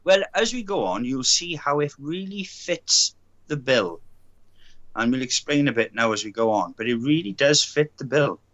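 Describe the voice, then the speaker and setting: Male co-host, South Wales accent, medium pitch, sharp bright tone, informal chat with halting phrasing. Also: expressive, muffled recording. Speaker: live stream co-host. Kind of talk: casual live-stream chat.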